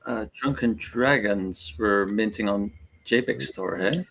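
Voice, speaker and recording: A man's voice: on the low side, takes it slowly, creaky, fairly bright tone, slight background noise, low-quality recording. A man appearing as a guest on a live stream, chatting in an easygoing way with frequent fillers. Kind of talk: casual chat on a live stream.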